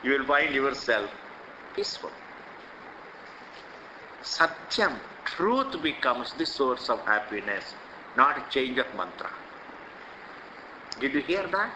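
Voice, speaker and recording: A man's voice: mid-range voice, big pitch swings, slow, pauses often, noisy background. An older man with an Indian accent giving a spiritual discourse, emphatic and repetitive, full of rhetorical questions, recorded in an echoey hall. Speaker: swami teaching scripture.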